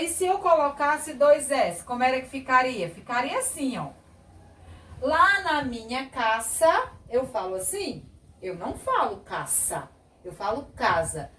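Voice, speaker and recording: A Brazilian woman teaching young children, sounding out words slowly and clearly as she explains spelling. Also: high-pitched. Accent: Brazilian Portuguese. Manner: slow, sing-song, exaggerated word sounding. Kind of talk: children's lesson. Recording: echoey room, a bit far from mic.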